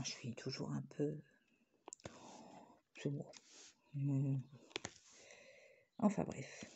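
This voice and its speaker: Chatty northern French woman, husky and mellow. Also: low-pitched. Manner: chatty, rambling with many fillers and restarts; self-described jokey, laughs often. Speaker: vlogger. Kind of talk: casual chat while crafting.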